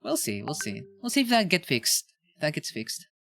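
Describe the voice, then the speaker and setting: A game master running a streamed tabletop game in a lively, playful way. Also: medium pitch, moderate pace, creaky, faint music behind.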